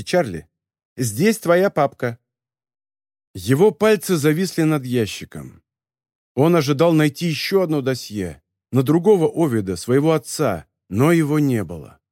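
Brief: male narrator, fairly high voice, lively intonation, close dry sound. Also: no echo. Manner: expressive storytelling. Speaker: audiobook narrator. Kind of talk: scripted narration.

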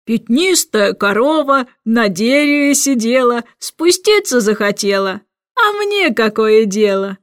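A woman's voice: a little high, measured pace, no echo, studio quality, lightly acted. Carefree cheery king, easy sing-song replies, woman reading it.

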